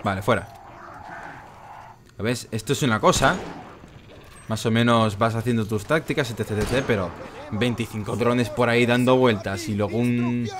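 A man's voice: medium pitch, normal speed, pauses often, a crowd in the background. A young man with an accent from Spain commentating his game, ranting in exasperation and swearing often. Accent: Spanish from Spain. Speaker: gaming YouTuber. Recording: game sound and music behind.

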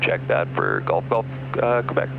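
A man flying as a pilot, making crisp clipped radio calls and checklist callouts through a cockpit headset mic. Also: sits low, huge pitch swings, normal speed, phone-quality sound, noisy background. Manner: crisp clipped aviation phraseology. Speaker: airline pilot. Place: aircraft cockpit.

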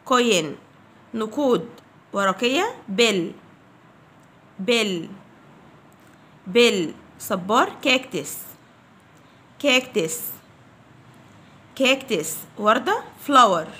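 A woman's voice: on the high side, fairly bright tone. Woman teacher drilling vocabulary words. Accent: Egyptian Arabic. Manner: repeats each word slowly and clearly. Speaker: English teacher. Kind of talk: vocabulary review lesson.

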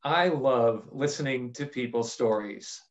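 A man's voice: medium pitch, measured pace. A middle-aged man, a priest, plainly explaining things for children on a video call. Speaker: priest, interview guest. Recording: slightly dull video-call audio.

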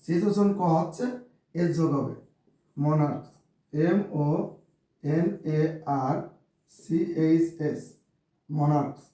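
Male teacher with a Bengali accent, slightly high and mellow, spells words aloud, recorded far off in a very echoey room. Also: slow pace, pauses often. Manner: repeats "dear viewers", spells words letter by letter. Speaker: English teacher. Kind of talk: classroom lesson to camera.

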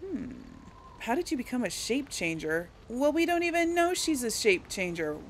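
Playing a role-play video game as host of a let's play, a woman comments casually and muses aloud while voicing dialogue choices, often giggling. Her voice is on the high side and very animated at normal speed, with slight background noise.

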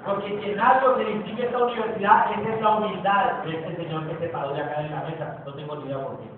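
A man's voice: high-pitched, steady tone, fast talker, background noise. A Colombian man giving a joking motivational talk to a live audience, telling stories and asking the crowd questions. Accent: Colombian Spanish. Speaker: motivational speaker. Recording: distant, phone-like, echoey hall with audience.

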